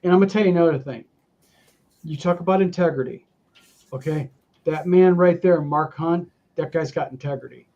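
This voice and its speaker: A man's voice: a little high, a little fast, dark tone. A man in his fifties hosting a casual show, reading viewer messages aloud and speaking bluntly and emphatically. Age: 50s. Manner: blunt, emphatic, swears freely. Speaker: podcast host reading viewer mail. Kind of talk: casual chat. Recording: dull lo-fi audio.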